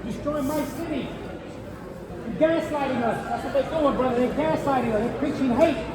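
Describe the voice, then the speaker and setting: A man in his fifties from New York, heckling at an outdoor rally, shouting and repeating taunts in English and Spanish. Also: extremely high pitch, moderate pace. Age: 50s. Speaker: street protester. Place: outdoors by a city building. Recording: crowd and street noise. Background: crowd, traffic.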